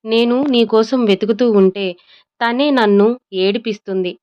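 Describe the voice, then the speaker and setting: Woman doing a cheeky five-year-old girl from an audio story, smooth but muffled. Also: a little high, steady tone, normal speed, close to an everyday voice. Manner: teasing, cheeky. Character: cheeky little girl of five, quick with comebacks.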